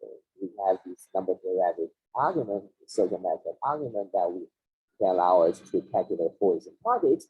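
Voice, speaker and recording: A man lectures on mathematics over a laptop microphone on a video call. His voice sounds muffled, as if it were coming through a wall, with a husky, breathy edge. He speaks haltingly, with frequent restarts and fillers. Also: low voice, lively intonation, faint music behind. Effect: muffled, as if heard through a wall.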